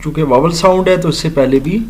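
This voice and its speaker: A man teaching an English grammar lesson, explaining slowly, spelling out letters and repeating words for his students. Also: on the high side, darkish tone. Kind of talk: recorded grammar lecture.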